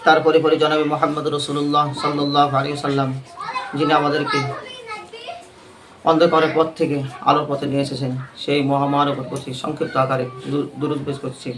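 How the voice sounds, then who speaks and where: A man's voice: on the high side, flat delivery, fast talker, background noise. Man quizzing a class on recitation. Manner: keeps quizzing the class with repeated questions. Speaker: Quran recitation teacher. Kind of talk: classroom lesson with call-and-response.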